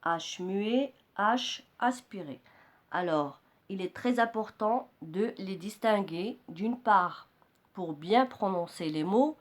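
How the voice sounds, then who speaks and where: Woman teacher, unhurried, deliberate classroom delivery, repeats for emphasis. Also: medium pitch. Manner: deliberate, repeats key words for students. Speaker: French teacher. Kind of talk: slow classroom explanation.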